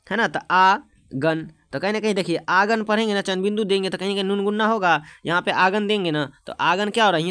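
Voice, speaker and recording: A man's voice: sits high, bright, forceful tone, smooth, dry recording. A man teaching an exam-prep lesson, repeating terms and putting questions to the class.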